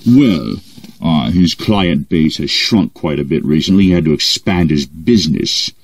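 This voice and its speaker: A man voicing a cold, cruel masked space villain who speaks in slow, flat, imperious threats. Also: very deep voice, breathy edge, pitched below the performer's own voice, full character voice. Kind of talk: comedy impression sketch.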